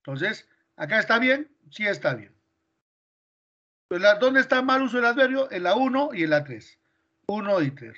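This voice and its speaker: A man's voice: high-pitched, fairly bright tone, lo-fi sound. A male teacher with a Peruvian Spanish accent explaining grammar in class, quizzing his students with questions step by step.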